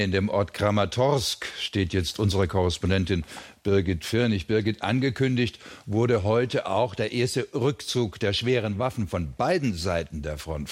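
A man presenting the evening news in a television studio with a measured, formal delivery. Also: lowish voice. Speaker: news anchor.

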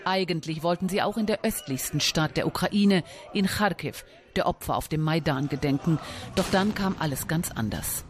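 A woman reporting as a news correspondent, reading her report clearly and answering live with some hesitations. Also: fairly low pitch, moderate pace. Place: on location outdoors.

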